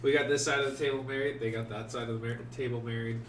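A man's voice: mid-range voice, fairly even intonation, quick pace. A man with a stuffy, congested nose telling personal stories in a casual, joking, rambling group chat. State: congested from allergies. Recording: roomy echo, distant mic, faint noise.

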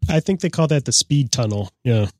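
A man's voice: medium pitch, expressive, a little fast, darkish tone, dry recording, studio quality. Matter-of-fact man chatting. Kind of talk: casual chat.

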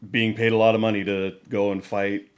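A man co-hosting a casual podcast chat, talking in a measured, meandering way. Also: fairly low pitch, flat delivery, clear, resonant tone. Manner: measured, many fillers and restarts. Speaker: podcast co-host.

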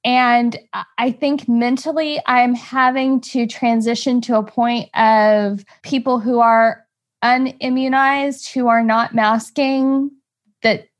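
A high-pitched woman co-hosting a casual podcast chat. She thinks out loud, pausing and restarting as she works through her thoughts. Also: steady tone. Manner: hesitant, reflective, many fillers. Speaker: podcast co-host, fertility doctor.

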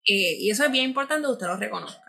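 A woman's voice: medium pitch, expressive, quick pace, creaky, bright, forceful tone. A woman who is a podcast guest giving earnest advice, addressing the listener directly and acting out bits of inner dialogue.

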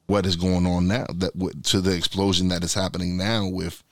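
A man's voice: low voice, flat delivery, brisk, no room sound, clean studio sound. A man in his mid-forties speaking candidly in a conversational interview, often restarting and searching for words. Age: 40s.

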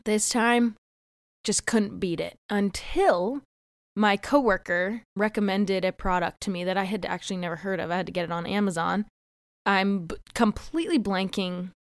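A woman's voice: medium pitch, normal speed, no echo, studio quality. Chatty young woman, a little stuffy. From United States. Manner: chatty, rambling, self-laughing. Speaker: podcast host. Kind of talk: casual solo podcast chat.

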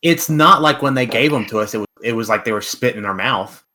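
A man's voice: medium pitch, fast talker, bright, forceful tone. A man on a casual podcast panel, making sarcastic, joking asides.

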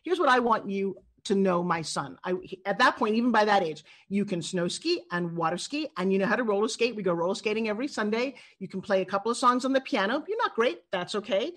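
A middle-aged woman from New York, a guest in an interview, telling stories in a quick and expressive way. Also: medium pitch. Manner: animated storyteller, quick and expressive. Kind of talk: interview conversation.

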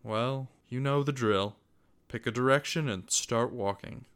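A man's voice: mid-range voice, unhurried, a bit bright, clean tone. A man playing a weary, centuries-old ferryman of souls, earnest and full of regret, in a dramatic story. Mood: resigned. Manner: earnest, confessional.

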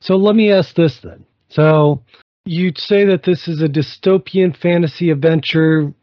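A man hosting an interview, asking relaxed questions and giving brief acknowledgments. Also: a little high, unhurried, dry recording. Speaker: interview host. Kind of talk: casual interview. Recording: dry, dull lo-fi sound.

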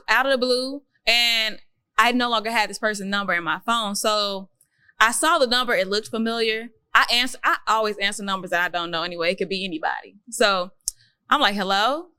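Bright, laughing woman telling a story. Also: on the high side, normal speed, clear, resonant tone, no echo. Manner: candid storyteller, laughs often, swears. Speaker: podcast co-host. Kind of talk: casual chat.

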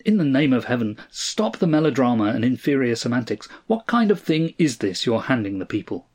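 A man's voice: medium pitch, very animated, brisk, darkish tone, slightly rough. A man voicing a weary older male official who lectures earnestly.

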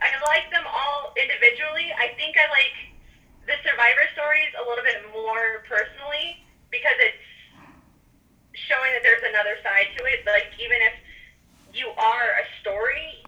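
A woman calling in on speakerphone from her car, chatting casually and quickly as a podcast guest. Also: fairly high pitch, sharp tone, far from the mic, rough recording. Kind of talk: casual chat.

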